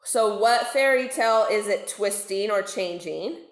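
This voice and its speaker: In an echoey, roomy home recording, a mid-pitched woman reads from a children's storybook. Like a teacher, she takes it deliberately and expressively, leaning into dramatic emphasis.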